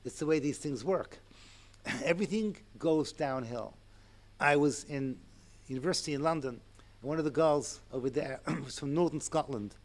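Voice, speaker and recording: A man in his sixties giving a Torah lecture to an audience, animated and chatty, with asides and chuckles. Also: fairly high pitch, normal speed. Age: 60s. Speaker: rabbi and lecturer.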